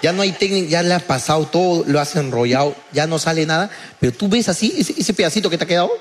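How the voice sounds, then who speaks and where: A man's voice: fairly high pitch, a little hiss or hum. A young man hosting a comedy podcast, teasing and crude in casual chat. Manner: teasing, crude, quick-witted.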